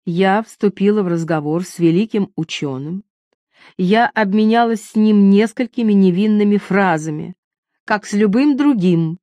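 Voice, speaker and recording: A woman's voice: mid-range voice, moderate pace, dark tone, no echo, lightly acted. A woman voicing a capricious young queen who talks in a teasing, mocking, lightly condescending way.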